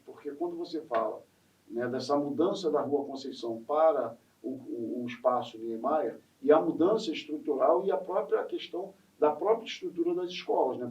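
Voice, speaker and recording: Rambling Brazilian podcast host, dull distant sound. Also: male voice, a little high, dark tone. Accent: Brazilian Portuguese, Rio de Janeiro state. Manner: rambling, hesitant, many fillers. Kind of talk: casual podcast interview.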